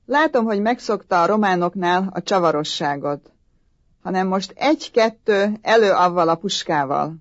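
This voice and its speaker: A woman's voice: mid-range voice, expressive, no echo, dull audio, lightly acted. A woman doing a bossy army officer. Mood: commanding. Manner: brusque, commanding, raised voice. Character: impatient, bossy three-star army officer from the capital.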